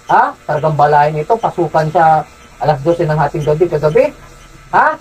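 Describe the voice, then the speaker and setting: A faith healer from Zamboanga City, a man who interrogates a spirit with insistent, repeated questions and sharp commands. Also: on the high side, lively intonation, brisk, poor audio. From Zamboanga City, Philippines. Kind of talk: healing session, interrogating a spirit.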